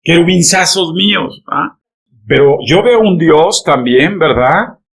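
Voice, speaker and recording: A man's voice: on the high side, lively intonation, slow, breathy edge. A male pastor delivering a sermon, speaking directly to the congregation and constantly checking in with rhetorical questions. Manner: emphatic preaching, peppered with rhetorical "¿verdad?" and "¿amén?" checks; addresses the congregation directly, telling them to turn to each other.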